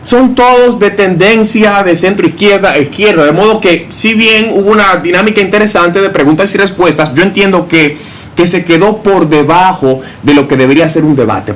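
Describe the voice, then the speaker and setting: A man with a notably high voice argues his views emphatically, pressing his points with rhetorical questions. He sounds opinionated and sure of himself throughout the discussion. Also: moderate pace, a little hiss or hum. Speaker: political commentator. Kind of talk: casual debate discussion.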